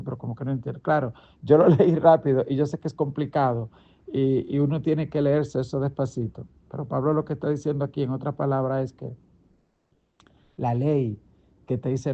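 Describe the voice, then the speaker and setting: A man's voice: mid-range voice, warm tone. A middle-aged man, a pastor preaching a daily devotional in an emphatic, conversational way, full of rhetorical questions. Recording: dull lo-fi recording.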